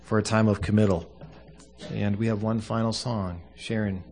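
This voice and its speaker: Low, mellow-voiced man praying as pastor. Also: steady tone, faint music behind. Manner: earnest, measured, with pauses between short phrases. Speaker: pastor leading a funeral service. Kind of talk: solemn prayer and benediction.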